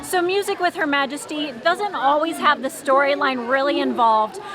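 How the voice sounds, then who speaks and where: A woman's voice: high-pitched, moderate pace, over music. A woman co-hosting a festival guide video in casual, explanatory talk. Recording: outdoors with crowd behind.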